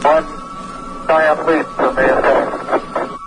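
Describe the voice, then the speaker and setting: An astronaut speaking slowly and deliberately over a crackly radio transmission from space. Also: male voice, a little high, level tone, loud music behind the voice. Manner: slow, deliberate delivery.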